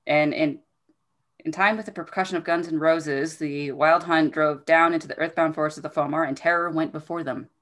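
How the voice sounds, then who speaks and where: A woman's voice: deep voice, steady tone, brisk, fairly bright tone. A woman hosting a casual book discussion, retelling the plot in a conversational way. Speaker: podcast host recapping a fantasy novel.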